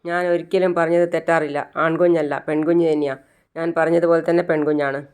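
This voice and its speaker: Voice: mid-range voice, level tone, brisk, darkish tone, clean tone, lightly acted. A narrator voicing a self-assured older village midwife, matter-of-fact and insistent.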